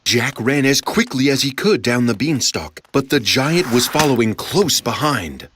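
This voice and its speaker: A storyteller reading a fairy tale aloud with dramatic pauses. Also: mid-range voice, lively intonation, a bit bright, slight background noise.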